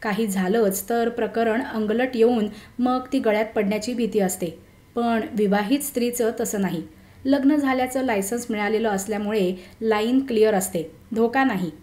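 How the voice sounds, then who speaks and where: A woman's voice: a little high, normal speed, mellow, close to an everyday voice. A woman voicing a charming, playful young bachelor who answers with carefree, laughing ease, in a story reading. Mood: amused. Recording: roomy echo.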